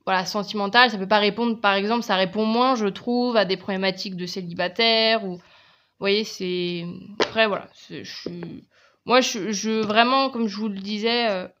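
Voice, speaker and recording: A woman's voice: medium pitch, steady tone, moderate pace, a bit bright. Chatty hesitant French woman. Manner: chatty, hesitant, lots of fillers and restarts. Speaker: tarot and oracle card reviewer. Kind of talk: casual video presentation.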